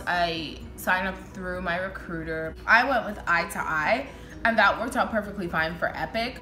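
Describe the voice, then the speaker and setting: Young woman, Toronto Canadian accent, casual Q&A vlog, chatty, bright tone, echoey room. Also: on the low side. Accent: Toronto Canadian English. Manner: chatty, laughs often, animated. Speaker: vlogger.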